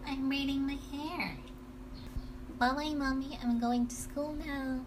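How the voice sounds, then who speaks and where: A woman's voice: high-pitched, fairly even intonation, slow pace. A woman doing a sweet little schoolgirl. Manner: affectionate, eager to please. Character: young schoolgirl daughter, sweet and caring. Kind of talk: amateur audio drama acting. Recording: noticeable background noise.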